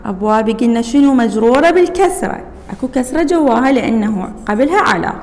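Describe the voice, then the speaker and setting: A woman teacher with an Iraqi Arabic accent, reading a lesson slowly to young pupils and quizzing them on grammar. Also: on the high side, animated, darkish tone, big-room sound. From Iraq. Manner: slow deliberate reading, stretching words, quizzing pupils. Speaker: primary school teacher.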